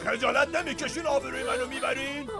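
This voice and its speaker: A man's voice: very high voice, steady tone, loud music behind the voice. An actor playing an angry old village father who scolds and threatens his family. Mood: furious.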